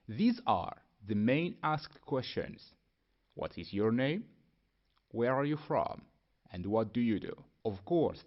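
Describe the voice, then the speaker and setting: A man from Morocco, giving a clear, step-by-step English lesson. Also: medium pitch. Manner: clear, deliberate, spells out each step. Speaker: English teacher. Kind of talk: scripted lesson to camera. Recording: dull lo-fi sound.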